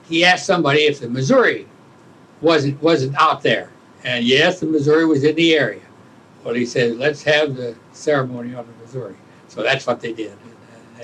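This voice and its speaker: An elderly man, a war veteran, reminiscing in an interview, haltingly searching for his words as he remembers. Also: medium pitch, a bit bright, a little hiss or hum, poor audio. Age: older, around 80. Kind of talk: oral history interview, reminiscing.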